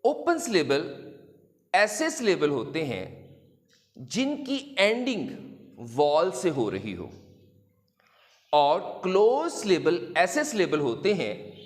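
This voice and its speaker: A man teaching a lesson to children, explaining slowly and deliberately and drawing out example words. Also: high-pitched, huge pitch swings, big-room sound. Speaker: English teacher.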